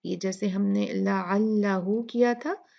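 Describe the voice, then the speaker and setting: A woman with a Pakistani Urdu accent teaching Quran recitation rules, patiently repeating sounds slowly to demonstrate them. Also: medium pitch, fairly even intonation, creaky. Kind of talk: tajweed lesson explaining recitation rules. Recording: dull lo-fi recording.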